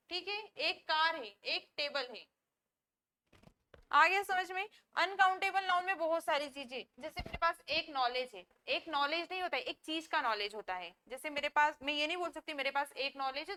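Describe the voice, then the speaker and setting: High bright-voiced woman teaching English. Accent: Indian English. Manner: explains slowly, asks and answers own questions. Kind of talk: classroom lecture.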